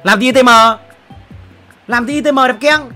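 A young man, streaming himself opening player packs in a football game. He is excitable and swings from loud exclamations to low muttering. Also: normal speed, faint music behind. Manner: excitable, exclamatory, jumps between shouting and muttering.

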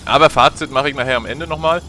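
A man giving casual, slangy, excitable gameplay commentary. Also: mid-range voice, quick pace, slight background noise. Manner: colloquial, slangy, swearing, excitable. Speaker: let's player.

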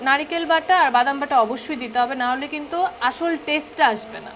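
A woman's voice: high voice, fast talker. A woman hosting a cooking demonstration, chatting, asking questions and repeating each step back for the viewers. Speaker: cooking show host.

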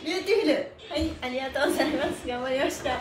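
Rapid-fire and high-voiced, a pantomime performer leads a livestreamed stretching session, chatting casually to viewers between upbeat instructions. Her presenting style is cheerful, energetic, and polite, captured in a roomy, echoing recording with slight background noise.

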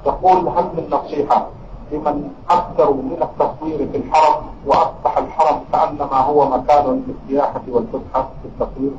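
A man's voice: fairly high pitch, steady tone, fast, noisy background. A man reading written questions aloud to a scholar in a large mosque hall, on a distant, lo-fi recording. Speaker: question reader.

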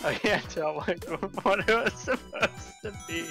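A man's voice: sits high, a little slow, creaky, over music. A man co-hosting a casual chat, reacting and laughing often. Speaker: podcast co-host.

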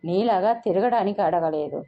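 A woman's voice: lowish voice, moderate pace, lightly acted. A woman voicing a firm, exasperated elder sister in a dull lo-fi recording. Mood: stern exasperated. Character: young woman, weary, stern elder sister.

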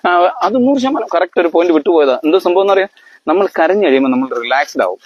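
Man quizzing his family, fairly high voice. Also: expressive, breathy edge, muffled recording. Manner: quizzes listeners, keeps asking if they understand; halting, with fillers and restarts. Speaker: family elder explaining to family. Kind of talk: lecture-like family talk.

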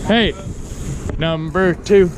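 Joking high-voiced man on a fishing boat. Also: extremely slow, a crowd in the background. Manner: playful, jokey, quotes movies, narrates for the camera. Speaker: fishing charter crew. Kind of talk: joking banter and commentary. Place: open boat at sea, outdoors. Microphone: action camera on the boat. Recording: loud wind and boat noise.

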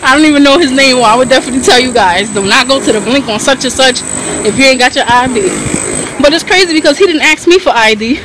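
A woman's voice: high-pitched, fast. Chatty young New woman on the street. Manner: chatty, laughs often, slangy street talk. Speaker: vlogger. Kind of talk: casual chat. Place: walking outdoors on a city street. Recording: street traffic noise.

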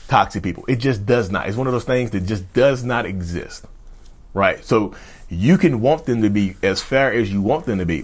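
Emphatic man in his thirties, lowish voice. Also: husky. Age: 30s. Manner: emphatic, repetitive, addresses viewers as y'all. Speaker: mental health channel host. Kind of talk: direct-to-camera advice talk. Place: indoor studio with backdrop.

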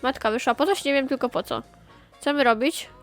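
A woman giving excited gameplay commentary, chatting to herself with quick exclamations and repeated phrases. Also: sits high, faint music behind. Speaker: gaming channel host.

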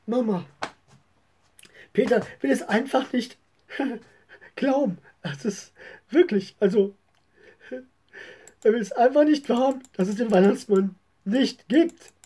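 A woman voicing a bossy young girl who scolds her little brother in a high, insistent voice. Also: takes it slowly, long pauses, warm tone, breathy edge. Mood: indignant. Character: bossy young girl, quarrelsome older sister.

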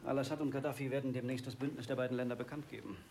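An actor in a German film dub playing a matter-of-fact male intelligence officer who answers briskly and dismissively. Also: medium pitch, fairly even intonation, background noise, lightly acted.

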